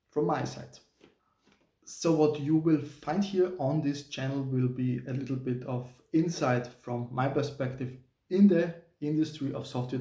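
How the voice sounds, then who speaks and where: An Austrian software engineer in his thirties hosts his channel in a casual talking-head vlog, speaking careful, hesitant English with an Austrian German accent and small restarts. German is his native language. His voice is medium-pitched and warm, picked up roomily by a distant mic.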